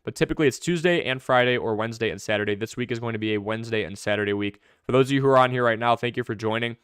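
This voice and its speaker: A young man hosting a live fantasy football stream, answering viewer questions in quick, chatty commentary. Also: medium pitch, fairly bright tone, clear, resonant tone, dry recording, studio quality. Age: young adult.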